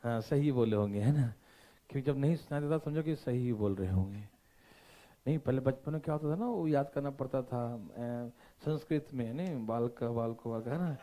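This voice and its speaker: A man's voice: mid-range voice, normal speed, mellow. A man teaching a math lesson, playful and constantly checking whether his listeners follow. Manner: playful, joking asides. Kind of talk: classroom lecture.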